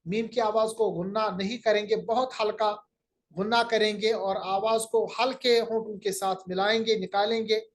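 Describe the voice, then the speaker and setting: A woman teaching the rules of Quran recitation in a recorded lecture. She explains patiently step by step and draws out each example word slowly and clearly. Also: mid-range voice, fairly even intonation, slight background noise. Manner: patient, plain teaching tone with pauses and fillers.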